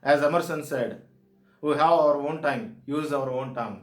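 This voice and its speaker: A man with a South Indian accent giving an instructional presentation as a soft skills trainer, speaking emphatically in short, repeated declarative phrases. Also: a little high, normal speed. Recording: echoey room sound.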